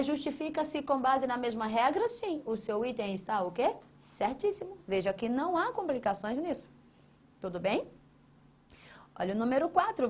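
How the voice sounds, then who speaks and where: A woman leads an exam-prep grammar lesson. She poses questions, then answers them herself. She drags out syllables slowly as she writes. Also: high voice. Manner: drawn-out syllables while writing on a board. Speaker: teacher.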